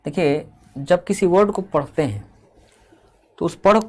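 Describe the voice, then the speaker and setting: A man teaches a grammar lesson, walking through it step by step and slowing down to drag out each example word. His voice is fairly high in pitch with a darkish tone.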